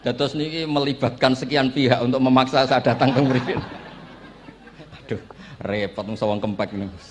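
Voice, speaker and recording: A man's voice: mid-range voice, fairly even intonation, moderate pace, crowd noise. A middle-aged man with a Javanese accent giving a sermon, telling stories with acted dialogue and joking asides. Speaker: Islamic preacher.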